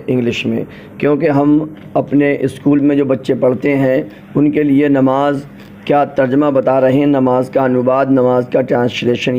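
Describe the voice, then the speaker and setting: A man giving a patient religious lesson, explaining each phrase and drawing out recited verses slowly. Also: medium pitch, dark tone, slight background noise. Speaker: religious teacher. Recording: dull lo-fi recording.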